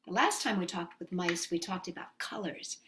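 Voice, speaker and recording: Against a noisy background, a woman with a lowish, expressive voice leads story time for young children at normal speed. The session mixes read-aloud and sing-along songs, and she asks her young listeners simple questions.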